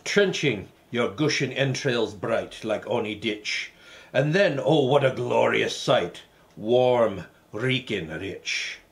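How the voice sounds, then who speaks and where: A man's voice: medium pitch, animated, takes it slowly, gravelly. A man doing a hammy mock-Scottish poet. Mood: declaiming. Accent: put-on Scottish. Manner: loud, theatrical recitation with rolling emphasis. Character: man declaiming an old Scots poem, mock Scottish.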